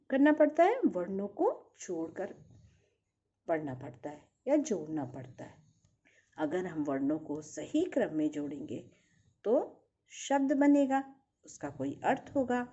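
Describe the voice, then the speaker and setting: A woman's voice: fairly high pitch, warm tone, slightly rough, lo-fi sound. A woman teaching a recorded primary school lesson, patiently asking and answering her own questions.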